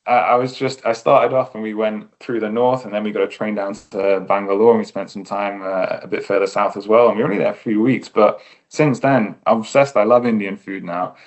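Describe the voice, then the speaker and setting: Low-voiced English man chatting as a guest. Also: steady tone, fairly quick. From England. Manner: thoughtful, with frequent fillers and restarts. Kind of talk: casual interview chat.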